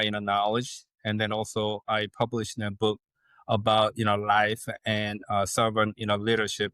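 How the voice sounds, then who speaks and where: A man, a guest on a podcast interview who explains things in a measured way with folksy sayings. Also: fairly low pitch, fairly bright tone, clear, resonant tone, no room sound. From South Korea. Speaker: guest, leadership consultant.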